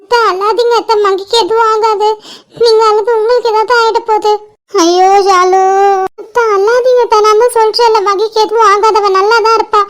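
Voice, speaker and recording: This is a young woman in a cartoon family drama, voiced by a woman. Her voice is very high with little pitch movement. She keeps insisting, in a soothing way, that everything will be all right. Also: steady tone, moderate pace.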